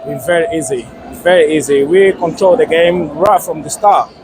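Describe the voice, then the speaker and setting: An excited man giving a casual post-match fan interview outdoors, emphatic and repeating his phrases. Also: fairly high pitch, normal speed. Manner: excited, buzzing. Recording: noisy outdoor street with crowd.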